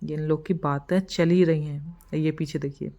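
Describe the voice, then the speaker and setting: Young woman, vlogger, chatty voice-over, rambling, slightly low voice. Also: steady tone, normal speed, warm tone. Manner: chatty, rambling, laughs at herself. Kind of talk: casual vlog voice-over.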